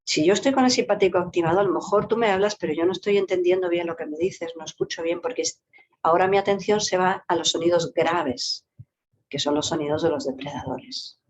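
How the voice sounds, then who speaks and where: A woman, a psychologist and yoga teacher, explaining a topic in a talk with lively, varied intonation and playful vocal demonstrations. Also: on the low side, brisk, slight background noise. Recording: dull lo-fi recording.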